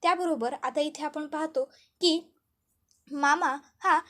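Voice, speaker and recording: A woman's voice: high voice, slow pace, bright, forceful tone. A woman narrating a dramatic recap of a TV serial episode, with a storytelling manner. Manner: storytelling, repetitive linking phrases.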